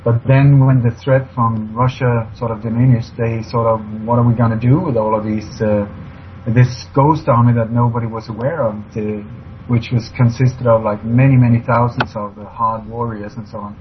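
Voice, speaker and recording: Halting male guest from Sweden, flat voice. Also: medium pitch. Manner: halting, many fillers, emphatic. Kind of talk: radio interview. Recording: dull lo-fi recording, faint hiss.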